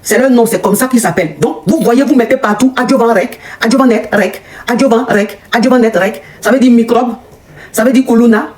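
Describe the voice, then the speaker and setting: A middle-aged woman coach ranting at her online critics in a scolding, mocking, repetitive way, her voice jumping up in pitch as she gets heated. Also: a little fast, a little mellow. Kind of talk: angry rant on a live video.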